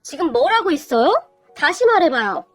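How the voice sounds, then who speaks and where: A stubborn, sharp-tongued young daughter, played by a woman reading the story. She talks back in a cutting, sarcastic way, with a high, lively voice. Soft music sits behind her. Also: fairly quick.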